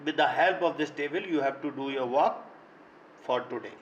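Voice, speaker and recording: Slow, deliberate Indian man teaching. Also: mid-range voice, lo-fi sound, slight background noise. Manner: slow, deliberate, dictation-like; switches between English and Hindi. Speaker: school teacher. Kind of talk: online grammar lesson.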